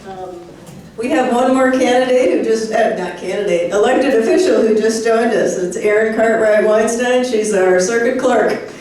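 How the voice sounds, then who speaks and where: A woman's voice: on the high side, normal speed, darkish tone. A woman organizer casually announcing an arriving official to the meeting. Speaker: event organizer. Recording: echoey room from far off.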